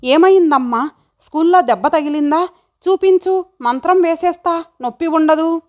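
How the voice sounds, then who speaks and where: A woman voicing a gentle grandmother who soothes a crying grandson in an audiobook. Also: very high voice, moderate pace. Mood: soothing. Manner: soothing, coaxing.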